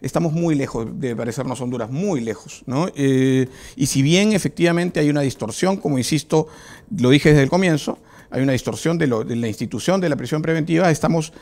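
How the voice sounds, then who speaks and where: A man, a lawyer, speaking in a panel discussion in a measured way with frequent hesitations and fillers. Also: a little high, a little mellow. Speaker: lawyer and political candidate.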